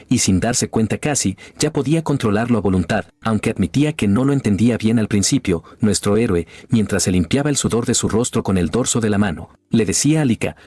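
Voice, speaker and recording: A man's voice: fairly low pitch, a little mellow, husky, dry recording. A man narrating a comic recap as a scripted, dramatic retelling on a close voice-over mic.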